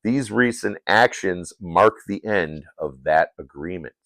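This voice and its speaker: Solemn warrior, read by a man, deep and steady, in a dry room. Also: measured pace, dry recording, full character voice.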